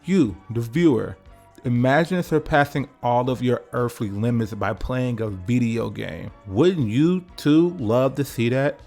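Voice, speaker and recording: Gravelly-voiced man joking through an essay. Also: medium pitch, measured pace, darkish tone, faint music behind. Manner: joking, profane, conversational asides. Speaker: video essay narrator. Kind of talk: casual comedic video essay narration.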